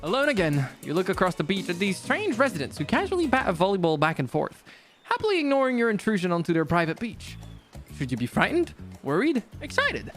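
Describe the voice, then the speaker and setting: A man's voice: high voice, huge pitch swings, fairly quick, a bit bright. A man streaming a game, switching between casual, sweary commentary and dramatic read-aloud narration. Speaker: streamer playing and voice-acting a game. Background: background music.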